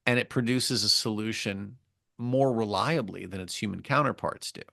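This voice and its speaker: A man's voice: lowish voice, moderate pace, vocal fry, pushed and bright, dry recording, clean studio sound. A man co-hosting a podcast in a casual academic discussion, talking emphatically with wry, sarcastic asides and repeated key phrases. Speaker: podcast co-host.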